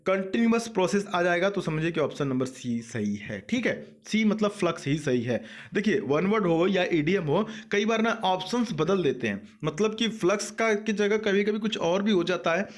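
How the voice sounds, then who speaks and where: A man's voice: high-pitched, lively intonation, moderate pace. Man teaching, fond of asking and answering himself. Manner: explains in Hindi mixed with English, repeats key words, asks and answers himself. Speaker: exam coaching teacher. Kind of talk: online vocabulary lesson.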